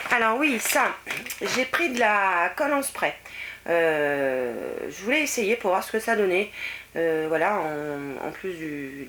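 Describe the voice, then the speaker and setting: Middle-aged woman, French accent, low-ish voice, hesitant chatty haul vlog, noisy home recording. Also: a bit bright. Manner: chatty, many hesitations and fillers. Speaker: vlogger. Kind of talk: casual haul video chat.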